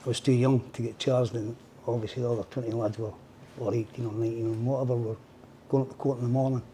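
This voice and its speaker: A plain-spoken Scottish man in his fifties tells his story in a relaxed interview, his voice dark and mellow. He is blunt and drops "mate" into nearly every sentence. A faint hiss of noise sits under the lapel mic. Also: mid-range voice, fast. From Scotland. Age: 50s. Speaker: guest. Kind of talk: casual interview. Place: indoor studio with mural wall.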